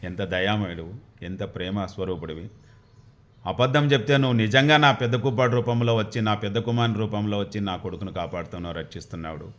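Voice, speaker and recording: A man voicing a poor widowed village mother who gently coaxes her son. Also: fairly low pitch, quick pace, pitched below the performer's own voice, close to an everyday voice. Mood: devout.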